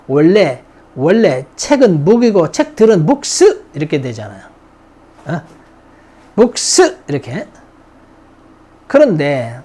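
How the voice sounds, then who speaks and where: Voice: mid-range voice, dark tone. An English grammar teacher, drilling vocabulary in a recorded lesson and chatting to the students between words.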